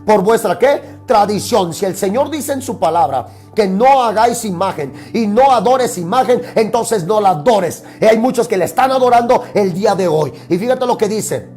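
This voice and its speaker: A man's voice: sits high, animated, normal speed, few pauses, a little mellow, faint music behind. A man preaching a sermon as pastor, emphatic, asking rhetorical questions and repeating key phrases.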